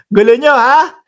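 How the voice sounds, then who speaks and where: A man from the Philippines giving casual, animated political commentary over clips, switching between Tagalog and English and laughing often. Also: extremely high pitch.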